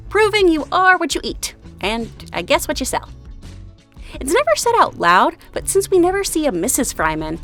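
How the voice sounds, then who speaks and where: A woman's voice: sits high, fairly bright tone. A woman with a twangy Texan accent hosting a scripted explainer, chatty and playful with casual asides. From Texas, USA. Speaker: video host.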